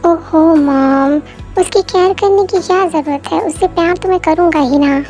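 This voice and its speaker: A woman's voice: extremely high pitch, moderate pace, darkish tone, faint music behind. A woman voicing a carefree, dismissive young son in an amateur dubbed story. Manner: dismissive, breezy.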